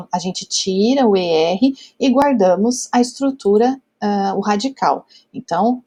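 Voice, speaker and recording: Woman, Brazilian Portuguese accent, French teacher, patient step-by-step explaining, husky tone. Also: medium pitch, mellow. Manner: patient, explains step by step, checks in often with "ok?" and "tá certo?". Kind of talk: whiteboard grammar lesson.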